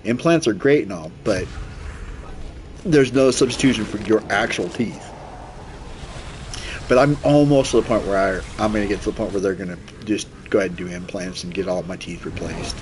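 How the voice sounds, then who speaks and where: A man's voice: on the low side, normal speed, a little hiss or hum. A man in his forties chatting casually as a game streamer, rambling and retelling conversations by acting out both sides. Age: 40s. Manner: rambling, animated retelling with quoted dialogue and swearing. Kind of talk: casual chat while playing a video game.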